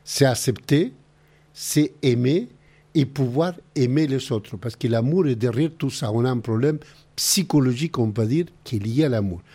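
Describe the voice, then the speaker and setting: A man's voice: mid-range voice, normal speed, mellow, husky. A middle-aged man with a Chilean Spanish accent, hosting a call-in radio talk show and earnestly giving practical advice.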